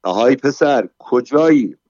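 A man's voice: on the low side, animated, darkish tone, no room sound, highs cut off, natural voice. A man voicing a weary, blunt male guard who talks to his coworker with impatience and exasperation. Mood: impatient.

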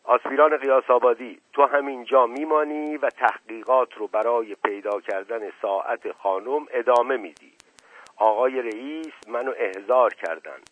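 A man's voice: on the low side, no room sound, natural voice. Man doing a stern police lieutenant, clipped and menacing, lo-fi phone-ish sound. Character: curt, threatening male police lieutenant. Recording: tinny lo-fi dry audio.

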